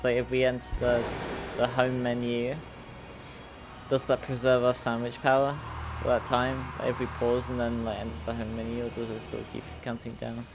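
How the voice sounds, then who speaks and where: A man casually chatting while playing a game, sleepy and halting, often trailing off mid-sentence. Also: medium pitch. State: drowsy, yawning. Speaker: streamer. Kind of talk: casual gameplay chat.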